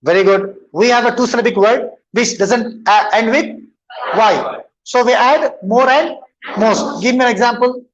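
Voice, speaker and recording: A man's voice: very high-pitched, extremely slow, dull audio. A man teaching an English grammar lesson, switching between English and Hindustani and answering his own questions as he goes. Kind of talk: bilingual classroom lesson.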